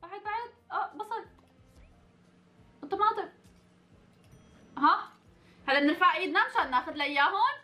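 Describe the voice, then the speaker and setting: A woman's voice: extremely high pitch, lively intonation, normal speed, long pauses, sharp tone, soft background music. A woman in her twenties with a Levantine Arabic accent, chatting playfully to her viewers as she plays, teasing and putting on mock-angry outbursts. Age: 20s. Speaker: vlogger. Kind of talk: playful gameplay commentary.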